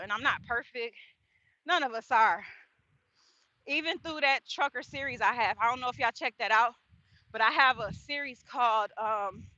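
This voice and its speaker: Bright chatty woman, vlogging on a walk, kinda dull phone sound. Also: high-pitched, dry recording. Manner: chatty, faith-focused, laughs often. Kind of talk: casual walk-and-talk vlog. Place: outdoors on a walk.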